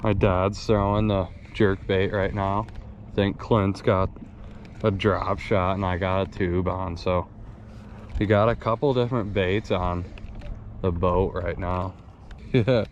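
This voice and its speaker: A man's voice: sits low, slow pace, lo-fi sound, a little hiss or hum. A man in his thirties talking casually and upbeat while fishing from a boat on a lake. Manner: relaxed, chatty, upbeat. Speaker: fishing vlogger. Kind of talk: casual on-the-water commentary. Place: boat on a large lake, outdoors.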